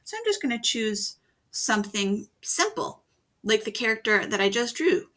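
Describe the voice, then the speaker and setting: A woman teacher giving a video writing lesson for children, explaining slowly and patiently step by step. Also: fairly high pitch, very animated, fairly bright tone.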